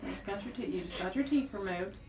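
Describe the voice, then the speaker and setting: A middle-aged woman with an average-pitched voice, chatting casually in a family setting. She speaks as a patient mother, repeating soothing reassurances. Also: fast talker. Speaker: mother reassuring her daughter. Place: small indoor clinic room.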